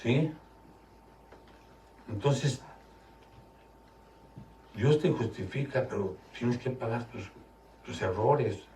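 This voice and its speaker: A man's voice: mid-range voice, very slow, pauses often, mellow, a little hiss or hum. A man preaching a sermon as pastor, emphatic and often putting questions to his congregation during a church service. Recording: roomy, distant mic, faint ambience.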